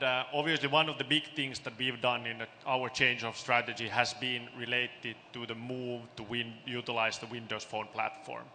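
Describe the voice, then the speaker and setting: A man's voice: mid-range voice, bright, forceful tone. A man moderating a conference panel, upbeat as he directs the discussion. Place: large conference hall. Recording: long hall reverb, faint noise.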